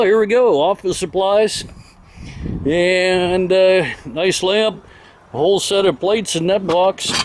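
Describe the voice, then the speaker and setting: A man with a high, darkish voice gives a casual, folksy walkthrough of auction items off the cuff, listing them in short phrases. He's an auction house presenter speaking into a handheld camera he holds himself, outdoors in an open-air auction yard, with outdoor ambient noise around him.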